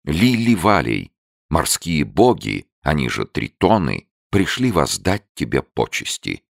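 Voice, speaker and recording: A man reading an audiobook and voicing a brash young man who shows off his courage, bold and chivalrous, sharp when challenged. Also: extremely low pitch, very animated, a little slow, creaky, no room sound, studio quality, heavily acted. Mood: gallant.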